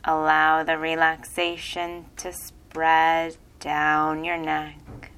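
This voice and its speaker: A woman leads a listener into deep relaxation, her low voice moving at an unhurried, drawn-out crawl. Her tone is smooth and clear, and every phrase comes soft and repetitive, like a hypnotherapist's script. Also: monotone, low-quality recording. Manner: slow soothing repetitive delivery.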